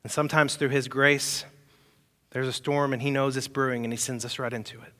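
Speaking fairly quickly at a medium pitch with a flat delivery, a man preaches as pastor on a Sunday, his voice echoing as if in a large hall. He asks the congregation rhetorical questions, moving from loud, forceful moments to hushed asides.

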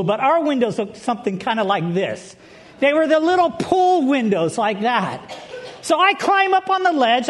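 A man with a strikingly high-pitched voice preaches to a congregation. He tells his story with lively, animated energy, laughing along as he talks and turning to the people in the pews. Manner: addresses the congregation directly. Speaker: pastor. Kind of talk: sermon opening with a humorous personal story.

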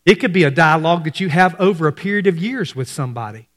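A man's voice: on the high side, expressive, quick pace, big-room sound. A man preaching a sermon as pastor, talking conversationally to his congregation and dropping his voice for emphasis. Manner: conversational preaching, acts out quoted voices, drops to hushed emphasis.

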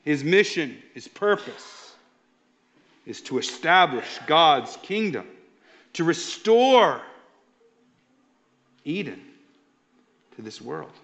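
Slow, emphatic male preacher. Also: fairly high pitch, very animated, a bit bright. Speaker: pastor. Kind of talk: sermon. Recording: dull lo-fi sound.

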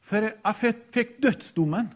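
A man preaching a sermon, retelling a story in a halting way with frequent hesitations and repeated quote tags. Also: high voice. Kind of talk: sermon with a retold deathbed story.

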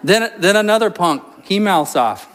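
Animated storytelling preacher man. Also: high voice, moderate pace. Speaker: pastor. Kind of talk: sermon.

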